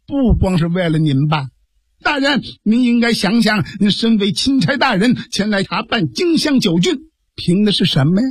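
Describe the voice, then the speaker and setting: A man's voice: high voice, big pitch swings, normal speed, breathy edge, no echo, studio quality, full character voice. A male storyteller voicing a shrewd, urgent male officer pleading with his lord. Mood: earnest pleading. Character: shrewd, fast-talking male sworn brother officer. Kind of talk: Chinese storytelling performance.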